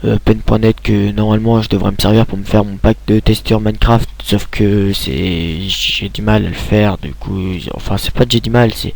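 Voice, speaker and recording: A man's voice: lowish voice, fairly even intonation, moderate pace, creaky, hardly any pauses, darkish tone. A young man giving a casual screen tutorial, rambling with many hesitations and restarts, talking into a computer mic at home.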